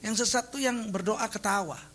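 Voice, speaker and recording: A male preacher with a high, bright, ringing voice delivers a lively sermon. He shifts between earnest teaching and playful humor, now and then acting out short voices. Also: moderate pace. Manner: animated, humorous, acts out little quoted voices. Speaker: Islamic preacher.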